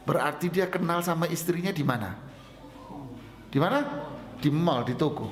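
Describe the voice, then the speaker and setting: A man preaching a sermon, telling stories and acting out both sides of the dialogue in a lively way. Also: a little high, moderate pace. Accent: Indonesian. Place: mosque. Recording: echoey mosque hall.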